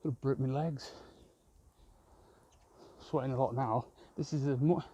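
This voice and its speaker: Sweary man with a very dark voice. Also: mid-range voice, fairly even intonation, unhurried, husky. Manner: swears constantly, chatty and rambling. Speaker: vlogger. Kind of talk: rambling walk-and-talk vlog. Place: outdoors in a park. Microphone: handheld phone camera.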